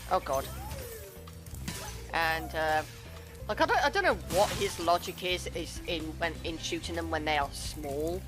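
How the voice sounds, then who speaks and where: A woman's voice: deep voice, lively intonation, a little slow, long pauses. A woman hosting a casual game playthrough, chatting in a rambling way with plenty of fillers and self-corrections. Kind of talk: casual gameplay commentary. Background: game music.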